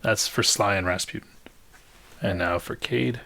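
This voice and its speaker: A man acting as game master, narrating a tabletop game and patiently explaining rules and scenes with many pauses and fillers. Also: fairly low pitch, vocal fry, bright, forceful tone.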